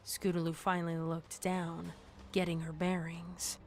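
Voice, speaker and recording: Reading a scripted horror tale aloud, this female narrator speaks a little slowly in a lowish, monotone voice. Music plays beneath her storytelling.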